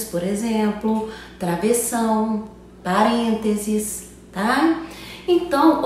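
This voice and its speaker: Woman teacher, fairly high voice, chatty video-lesson delivery, echoey room with the mic a little far off. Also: slight background noise. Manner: chatty, asks "tá?" after almost every phrase. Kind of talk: online grammar lesson.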